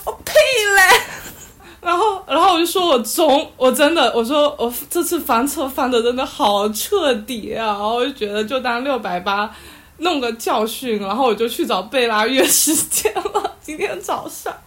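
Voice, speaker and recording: Female guest with a slightly high voice, animated and exasperated as she retells a story, laughing through it. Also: moderate pace. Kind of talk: casual storytelling chat. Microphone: live audio chat app.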